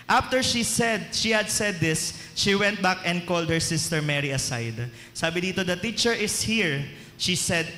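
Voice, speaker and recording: A man with a Filipino accent delivers a sermon in a high, bright voice. He keeps asking the congregation questions. The sound rings out with long reverb through a church hall. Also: a little hiss or hum. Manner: mixes Tagalog and English, asks the congregation questions. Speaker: preacher.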